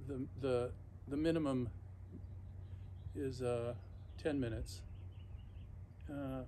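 A man in his fifties or sixties talks casually and unscripted to a camera a few feet away, reflective and halting, pausing mid-sentence. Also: mid-range voice, steady tone, mellow. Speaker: vlogger. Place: backyard patio outdoors, sitting in an ice bath. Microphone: camera or phone a few feet away. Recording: outdoor noise, camera some feet away. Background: clear outdoor ambient noise.

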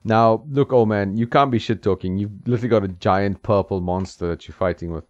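A retro game video host plays an old fighting game, chuckling often and talking back to it in casual, reactive commentary. His voice is on the low side and a little fast. The dull, dry audio has no room sound, with game music behind him.

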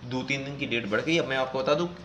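Bright-voiced man explaining to viewers. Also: medium pitch, quick pace, slight background noise. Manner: conversational, addresses viewers as friends, reads out news excerpts. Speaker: education news video host. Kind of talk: casual explanatory talk to viewers.

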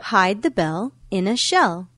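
A woman's voice: mid-range voice, sing-song, takes it slowly, sharp tone, dry recording, clean studio sound. A woman reading scripted instructions as narrator of a children's reading game, with careful phrasing. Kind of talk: scripted read-along instruction.

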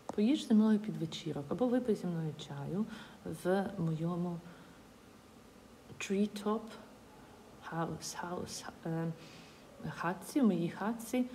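Lady teacher going over grammar slowly, lowish mellow voice, repeats every example. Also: lively intonation, a little hiss or hum. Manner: patient, spells out and repeats words step by step. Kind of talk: explaining English grammar in a lesson.

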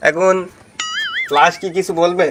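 A man's voice: sits high, steady tone, measured pace, music in the background. A man with a western Bangladeshi accent from the Chuadanga area playing an earnest field reporter in a parody newscast. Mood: mock-earnest. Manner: parody news reporter delivery, mock-earnest. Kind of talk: parody live news report.

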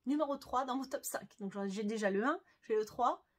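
A woman talks about her sewing books in a relaxed vlog with a slightly high voice. She sounds chatty and enthusiastic. She often hesitates, fills pauses and corrects herself mid-sentence. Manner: chatty, enthusiastic, with frequent fillers and self-corrections. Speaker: sewing YouTuber. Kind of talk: casual book review vlog.

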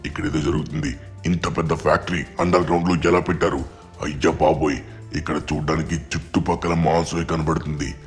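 A low, steady voice of a dutiful police inspector, as a man acts him out, reassuring and calm while he investigates in a game story. Faint music plays underneath. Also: brisk.

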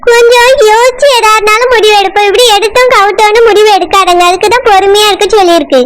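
A woman voicing a worried middle-aged village mother in a cartoon, reasoning softly in a Tirunelveli Tamil accent. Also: very high voice, steady tone, fast. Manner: soothing, reasoning. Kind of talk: cartoon voice acting.

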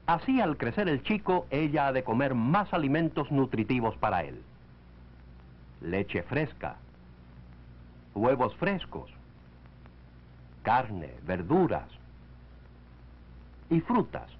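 A male narrator in a 1940s educational film, coming through a dull, lo-fi vintage soundtrack. His mid-range pitch swings in a lively, animated way. He delivers scripted lines in a measured, instructive style.

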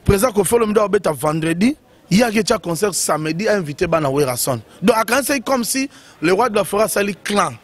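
A man's voice: high-pitched, animated, fast talker. A man giving casual, emphatic commentary on music news in short bursts full of fillers.

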